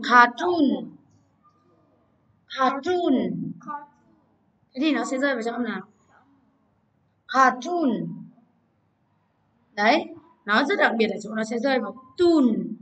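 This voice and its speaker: Woman teacher, brisk and bright, sounds a bit far from the mic. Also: high-pitched, lively intonation, highs cut off. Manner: brisk, repeats words, urges pupils on. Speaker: English teacher. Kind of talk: online class teaching. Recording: voice from a distance.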